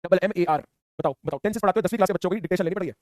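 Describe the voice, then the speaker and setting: Rapid-fire playful male teacher. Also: high voice, darkish tone, no echo, clean studio sound. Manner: teasing, playful, repetitive tag questions. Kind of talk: fast online class lecture.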